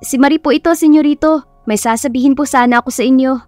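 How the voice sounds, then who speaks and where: Woman doing a nervous, high-pitched housemaid. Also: fast talker, darkish tone, no room sound, soft background music, close to an everyday voice. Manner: anxious, eager, polite. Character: female housemaid, nervous and deferential.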